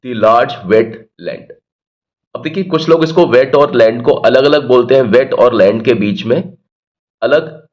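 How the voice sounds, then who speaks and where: A man with a medium-pitched, slightly mellow voice gives a Hindi-medium English grammar lesson. He explains patiently, repeats key words, and answers his own questions.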